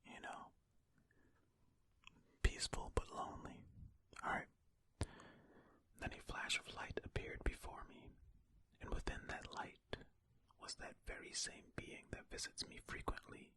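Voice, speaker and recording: Whispering ear to ear into a close stereo ASMR microphone, an ASMR host reads and comments in a tentative, musing way. The delivery is a little slow, with long pauses.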